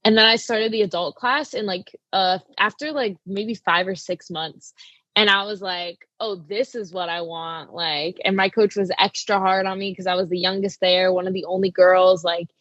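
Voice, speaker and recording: A woman's voice: medium pitch, steady tone, moderate pace, a bit bright, no echo, muffled recording. A young woman wrestler talking casually in an interview, with lots of "like" fillers. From Arizona. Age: young adult. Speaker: wrestler guest.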